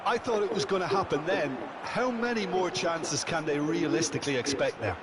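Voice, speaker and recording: A man voicing a football video game co-commentator, giving measured analytical remarks. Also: on the high side, natural voice. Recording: loud stadium noise behind.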